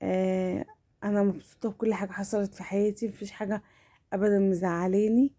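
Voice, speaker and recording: A woman's voice: medium pitch, flat delivery, quick pace, warm tone. A woman with an Egyptian Arabic accent giving a casual, chatty home-vlog voice-over, talking familiarly as if to family, with hesitant restarts and repeated words. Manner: familiar, addresses viewers as family. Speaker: home vlogger.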